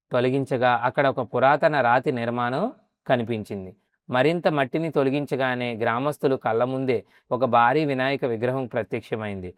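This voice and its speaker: A man's voice: mid-range voice, no echo. A man narrating a temple's story and then guiding viewers around it in a polite, casual way. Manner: polite, adds a respectful "andi" often while showing the site. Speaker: travel vlogger and temple guide. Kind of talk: narration and casual guided tour.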